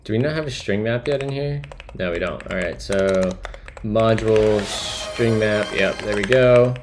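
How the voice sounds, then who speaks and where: A man's voice: fairly low pitch, moderate pace, background noise. A man live-coding on a stream, thinking aloud and talking to chat in a musing, trailing-off way as he types.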